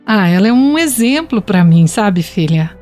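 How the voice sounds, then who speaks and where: A woman's voice: mid-range voice, sing-song, unhurried, darkish tone, faint music behind. A Brazilian actress playing a proud, reflective mother fondly telling family history in a radio drama. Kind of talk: radio soap opera acting.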